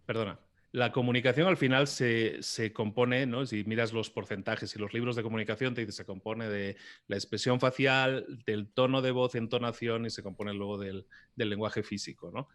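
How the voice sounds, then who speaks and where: A man, a podcast guest explaining his methods in a lively, gesturing way into a podcast mic on an arm. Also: on the low side, normal speed, no room sound, studio quality. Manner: animated, explanatory, gesturing while speaking. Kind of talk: conversational interview. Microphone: podcast mic on an articulated arm.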